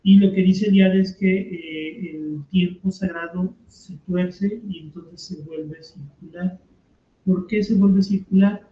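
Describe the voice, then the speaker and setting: A man lectures in an easy, conversational way, asking and answering his own questions as he teaches. His voice sits high for a man. The sound is roomy and somewhat dull, like a lo-fi recording. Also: fairly even intonation, takes it slowly. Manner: conversational, frequent rhetorical questions. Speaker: teacher leading a commented reading. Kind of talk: explanatory lecture.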